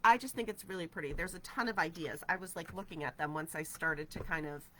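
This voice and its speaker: Talking at a quick pace in a fairly low, sharp-toned voice, a woman in her forties from New Hampshire, USA, answers viewer comments during a casual craft livestream. Despite a stuffy head cold she's upbeat, sitting in her craft studio with shelves of ribbon. A camera at desk distance records her, with a little hiss or hum and low overall quality.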